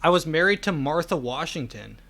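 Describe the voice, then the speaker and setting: His voice is gravelly yet a bit bright, a little high, with lively intonation and a brisk pace. The young adult is a podcast host who chats casually and tells stories with a joking, teasing edge.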